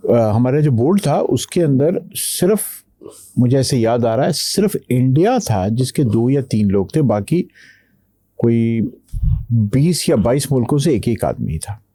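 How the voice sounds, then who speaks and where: A middle-aged man from Pakistan, a company CEO, answering interview questions slowly, pausing to think before he speaks. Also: medium pitch, mellow, dry recording. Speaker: guest, tech company CEO. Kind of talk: podcast interview.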